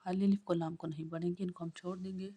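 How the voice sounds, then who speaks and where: A woman Quran reading teacher, spelling out words letter by letter in a slow, careful, drawn-out way. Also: on the low side, little pitch movement, dark tone.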